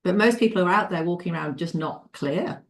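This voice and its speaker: Woman running a leadership webinar on a video call, lively, laughs a lot, chats with the room. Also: lowish voice, brisk. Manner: lively, laughs often, addresses participants by name. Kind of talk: interactive webinar talk.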